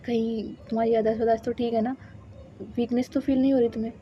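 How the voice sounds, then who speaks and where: A woman's voice: on the high side, little pitch movement, fast, natural voice. Woman voicing a fiery, bossy young woman. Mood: worried. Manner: scolding, raises voice sharply. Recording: dull lo-fi with faint hiss.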